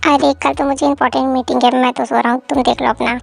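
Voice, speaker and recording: Brief: sleepy, grumbling young husband, woman voicing, lower than her usual voice, audio drama. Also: level tone, fast talker, gravelly, soft background music, heavily acted. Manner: tired, grumbling, exasperated. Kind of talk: Hindi fan audio drama.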